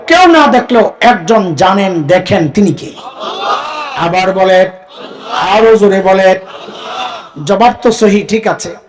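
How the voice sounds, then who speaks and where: A man with a high voice delivers a sermon in a plain, everyday way. He keeps asking the listeners to call answers back to him. Now and then he raises his voice to a shout to drive a point home. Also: background noise. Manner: call-and-response, has the crowd repeat phrases; rises to shouting for emphasis. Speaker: preacher. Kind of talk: Islamic sermon to a live audience.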